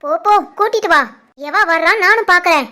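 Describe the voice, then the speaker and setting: A woman voicing a young college-going wife, sharp-tongued and playful, with a squeaky, childlike Tirunelveli Tamil voice in an animated family story. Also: a little fast. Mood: bickering. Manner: bossy teasing banter.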